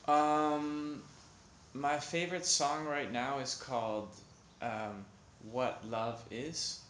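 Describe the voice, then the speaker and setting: A man, a singer, answering questions in slow, simple, hesitant speech with many pauses and ums. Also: mid-range voice, fairly even intonation, fairly bright tone. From Canada. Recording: echoey room with faint noise.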